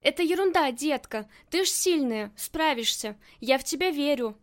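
A loving husband in an audiobook, tender with his wife and blunt with everyone else, as a woman reads him. The voice sits high and light. He barks short orders. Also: lively intonation, moderate pace. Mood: insistent. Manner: tender, then gruff and commanding. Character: adoring husband, gangland boss's man.

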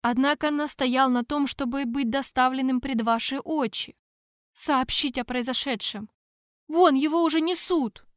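Breathless palace guard in a panic, read by a woman, loud and high, dry booth sound. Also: a little slow, no echo. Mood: urgent. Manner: shouting.

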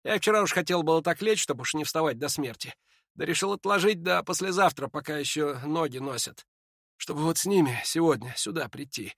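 A man reading an audiobook and voicing a dying young man who speaks quietly and hoarsely, short of breath, calm and ironic. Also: fairly high pitch, fairly quick, no echo, clean studio sound, pitched above the performer's own voice, heavily acted. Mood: quiet weary. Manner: quiet, hoarse, near-whispering.

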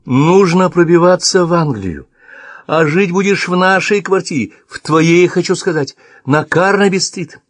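A man's voice: high-pitched, animated, measured pace, no echo, pitched above the performer's own voice. A man voicing an emotional middle-aged aunt who takes charge, talking urgently.

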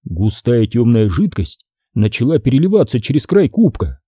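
A man reads an adventure story aloud with a very dark, husky tone. His delivery is lively and expressive, and the recording is dry and close. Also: mid-range voice, moderate pace, no room sound. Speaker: audiobook narrator. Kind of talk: scripted audiobook narration.

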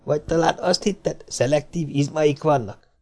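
A man's voice: on the high side, darkish tone, soft background music, voice pushed up, close to an everyday voice. A man voicing a dry, sarcastic male astronaut engineer who answers curtly in an audiobook. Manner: sardonic, curt.

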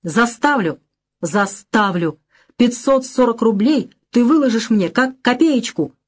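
A woman's voice: on the high side, expressive, a little slow, voice pushed up. A woman voicing a young man who hurls hateful accusations at a drunk. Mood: furious.

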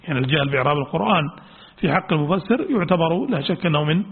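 A man's voice: fairly high pitch, animated, very fast, slightly rough. A man giving a religious studies lecture on Quran exegesis, explaining a text, repeating key points and reading quotes aloud. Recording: tinny lo-fi lecture recording with long hall reverb.

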